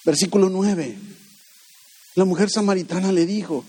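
A man's voice: sits high, moderate pace, darkish tone, breathy edge. A man preaching a conversational sermon, asking rhetorical questions and acting out the voices he quotes. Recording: long hall reverb.

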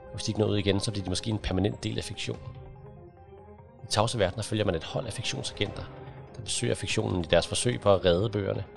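Man, audiobook narrator, measured reading, gravelly voice, faint music. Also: lowish voice, steady tone. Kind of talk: scripted narration.

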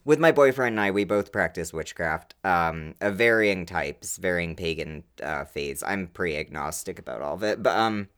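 A man's voice: sits low, lively intonation, normal speed, few pauses, a bit bright, clear, resonant tone. A man co-hosting a casual podcast from inside a closet, rambling, laughing often and swearing casually. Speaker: podcast co-host. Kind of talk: casual chat.

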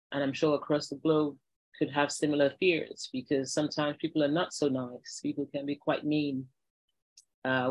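A woman podcast host who asks her guest questions in a measured, encouraging way. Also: extremely low pitch, darkish tone, no room sound, rough recording. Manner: measured and encouraging, laughs easily. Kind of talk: interview questions.

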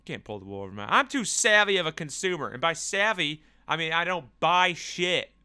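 A young man from the US Northeast rambles through a sarcastic, profane solo rant. His voice is bright and crisp. The sound is dry and close. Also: fairly high pitch, big pitch swings, brisk, dry recording.

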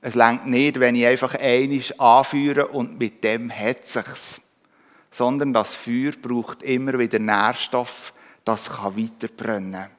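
A man with a Swiss German accent preaching a calm, reflective sermon in a church. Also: medium pitch, slow. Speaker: pastor. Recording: reverberant church hall.

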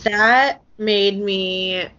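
A woman co-hosting a casual book-club podcast, talking fast and full of "like" fillers, sometimes reading quotes aloud. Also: mid-range voice, pushed and bright. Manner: chatty, lots of "like" fillers, reads quotes aloud. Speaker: podcast co-host. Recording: dull lo-fi podcast audio.

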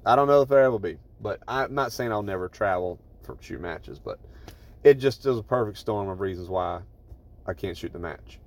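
Male podcast host, lowish pitch, informal and sweary, off-the-cuff solo monologue recorded on a phone. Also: a little mellow. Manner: profane, informal, emphatic. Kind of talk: casual solo podcast monologue, rambling anecdotes. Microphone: phone voice recorder app.

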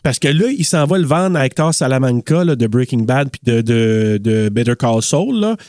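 A man's voice: mid-range voice, moderate pace, no echo. Québécois man chatting in a dry room. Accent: Québécois French. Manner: animated retelling with many fillers and restarts. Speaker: podcast co-host. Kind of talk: casual film-review chat.

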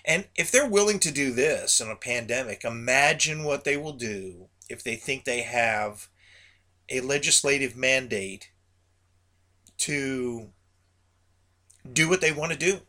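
A man speaks in a gravelly voice with a bright, hard-edged tone at a medium pitch. He delivers a casual solo podcast monologue in a folksy, rambling way, as a host chatting to regular listeners. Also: lively intonation, a little slow, pauses often.

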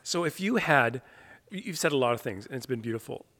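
A man interviewing a guest in a casual chat, affirming and warm, growing lively when he recalls events. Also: medium pitch, brisk. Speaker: interviewer, pastor.

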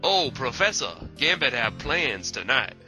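A man voicing a smooth-talking rogue who speaks of himself in the third person, in a comedy skit. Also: mid-range voice, very animated, measured pace, pushed and bright, faint music behind, heavily acted. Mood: smug.

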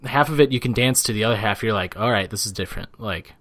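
A man's voice: on the low side, fast talker, a bit bright, dry recording. A man co-hosting a podcast in casual chat, loose and profane, laughing easily. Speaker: podcast co-host.

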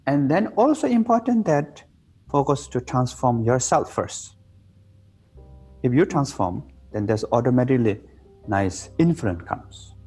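In a relaxed, playful interview, a meditation teacher from Nepal shares stories about meditation in simple, broken English with a Nepali accent. His medium-pitched voice swings widely in pitch, and he talks a little slowly in a mellow, slightly rough tone over faint background music.

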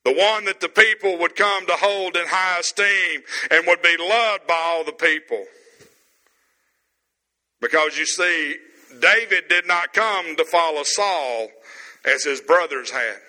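A man preaching a sermon as pastor, stressing words slowly with pauses, in an empty room. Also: on the high side, sharp tone, long reverb tail, low-quality recording.

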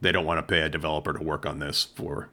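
Very deep-voiced man co-hosting a tech show. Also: flat delivery, fast talker, bright, forceful tone. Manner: conversational, chuckles between points. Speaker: co-host of a home theater tech show. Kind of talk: casual tech chat.

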